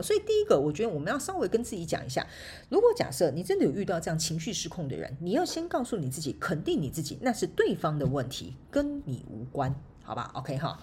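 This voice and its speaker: A woman's voice: fairly low pitch, darkish tone, a little hiss or hum. A woman hosting a solo podcast, giving casual advice in a chatty, playful way full of laughing asides. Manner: chatty, frequent laughing tag particles, playful examples. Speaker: podcast host and motivational speaker.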